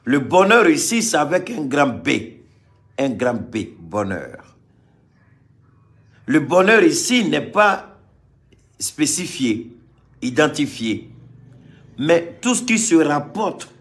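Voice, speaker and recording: Speaking to a live audience, a man from Mali offers passionate political remarks, driving points home through repetition and shifting from booming to hushed. His voice is mid-range.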